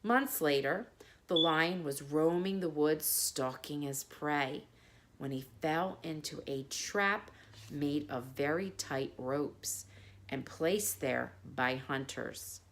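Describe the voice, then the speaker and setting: Slowly and in a deep voice, a woman running a children's bedtime story segment reads aloud and talks to little listeners in a plain, friendly manner. There's slight background noise.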